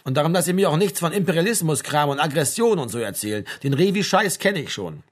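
A man's voice: fairly high pitch, animated, fast. A man reading an audiobook, voicing a cocky, provocative young man who needles and argues. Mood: provoking. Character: brash, provocative young man, stubborn and mouthy.

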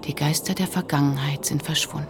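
A woman's voice: deep voice, steady tone, a little fast. A playful, joking man, as a woman reads him. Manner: dry and playful. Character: joking, proud, romantic grown man.

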